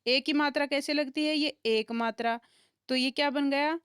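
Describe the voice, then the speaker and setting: A woman's voice: high-pitched, steady tone, fairly bright tone, no echo, studio quality. A woman teacher explaining a grammar lesson step by step, asking questions and answering them herself. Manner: asks rhetorical questions and answers them, slow and deliberate.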